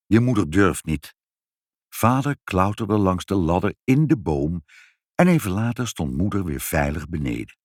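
A man reading a children's story aloud with an expressive, sing-song delivery. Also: low-pitched, normal speed, no echo, studio quality.

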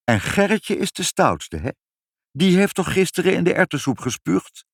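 A man's voice: high voice, very animated, normal speed, creaky, slightly rough, no room sound, clean studio sound, pitched above the performer's own voice, full character voice. A man voicing a kind, sweetly sly mother in a storybook reading. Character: sweet clever mother, gentle woman.

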